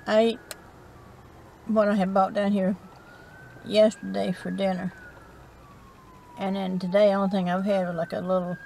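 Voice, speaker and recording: A woman's voice: medium pitch, gravelly, darkish tone, slight background noise. Rambling Southern woman in a parked car. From South Carolina. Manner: rambling, folksy, chats while eating. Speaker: vlogger. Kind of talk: casual chat. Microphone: camera on dashboard.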